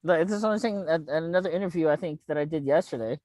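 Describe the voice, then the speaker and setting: A man's voice: a little high, very fast, darkish tone, no echo. A man in his thirties chatting casually and swearing freely, tipsy and rambling with slightly slurred words. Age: 30s. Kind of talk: casual chat, profanity-laden.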